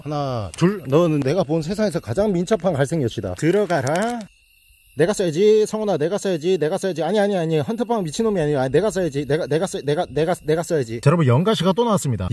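Husky young guy hunting bugs outside, fast lively chatter, teasing the critters. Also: fairly high pitch, no room sound. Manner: playful, teases and scolds the bugs. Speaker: creature-hunting vlogger. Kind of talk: casual outdoor vlog narration.

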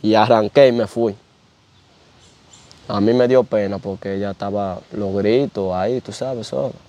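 A man's voice: lowish voice, fairly even intonation, normal speed, warm tone. A young man, telling a story in a casual interview and often repeating "dice ella, di que" as he recounts who said what. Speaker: interview guest.

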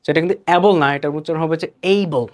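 A man with a Bangladeshi accent gives a pronunciation lesson, his voice sitting a little high. He explains each word, then repeats it slowly and carefully so the learner can copy it. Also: fairly even intonation. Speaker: English pronunciation teacher.

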